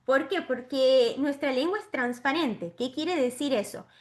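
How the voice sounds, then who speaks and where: Woman, fairly high voice, explanatory virtual lesson, frequent checking-in questions, computer mic on a video call. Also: a little slow. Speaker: teacher trainer.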